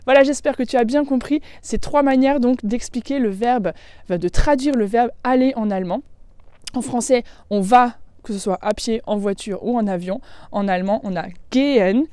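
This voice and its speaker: A woman from France with a French accent, giving a casual online German lesson, chatting freely and slowing right down to model German phrases. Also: fairly high pitch, warm tone, clean tone, no echo. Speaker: German language teacher.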